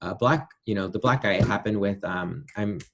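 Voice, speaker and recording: A man's voice: fairly low pitch, normal speed, a little hiss or hum. A man being interviewed, giving his views in a thoughtful, hedging way with many fillers. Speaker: interview guest. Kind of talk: casual interview answers.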